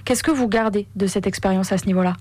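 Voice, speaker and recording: A female radio reporter narrating a report and asking interview questions in a clear, scripted way. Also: medium pitch, fast, a little mellow, dry recording.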